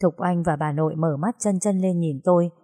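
A woman narrating a story in an even storytelling manner. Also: fairly low pitch, normal speed.

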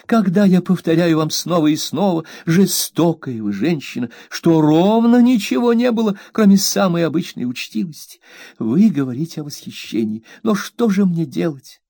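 A man's voice: on the high side, animated, moderate pace, creaky, warm tone, no room sound, studio quality, voice pushed up. A man voicing a tearful young mother who pleads and reproaches her servant, in an audiobook reading.

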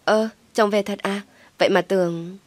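A woman's voice: mid-range voice, fairly even intonation, moderate pace, no room sound, close to an everyday voice. A woman voicing a sly young wife who teases her husband and fakes concern in an audio story. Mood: teasing.

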